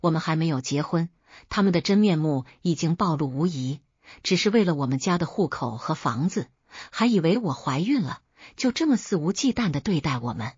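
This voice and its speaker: A woman narrating a first-person family drama story in a steady, even reading. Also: sits low, fairly quick, husky, no room sound, highs cut off.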